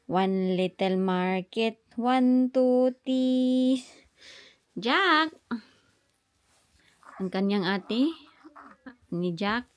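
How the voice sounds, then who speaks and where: Slow, high-voiced young mom. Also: female voice. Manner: coos and baby-talks to an infant. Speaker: mother filming her baby. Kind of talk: casual family vlog.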